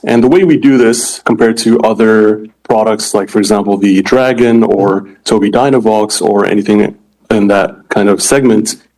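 A man's voice: medium pitch, a little mellow, poor audio. Young indonesian-raised guy explaining his startup, earnest, interview. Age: 20s. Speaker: startup founder guest. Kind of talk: interview answers.

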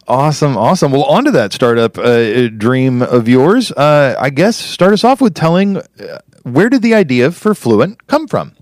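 A man's voice: medium pitch, sing-song, normal speed, no room sound, clean studio sound. A man hosting an interview podcast, talking with enthusiasm and often repeating words as he restarts. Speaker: podcast host.

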